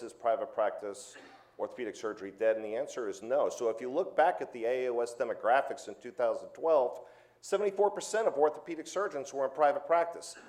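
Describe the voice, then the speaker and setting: A man's voice: medium pitch, a little mellow. Emphatic man giving a conference talk. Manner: conversational, emphatic, repeats key words. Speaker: orthopaedic surgeon lecturing. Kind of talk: conference lecture. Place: conference lecture hall.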